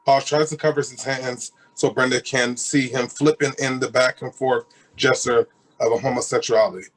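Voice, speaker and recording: A man reading the stage directions aloud in a play reading, in a plain, even way. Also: mid-range voice, moderate pace, poor audio.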